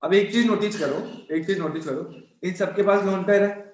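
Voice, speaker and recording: A man's voice: high-pitched, normal speed. A male chemistry teacher lecturing students in a chatty, scolding way, repeating his points. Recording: echoey room, dull sound.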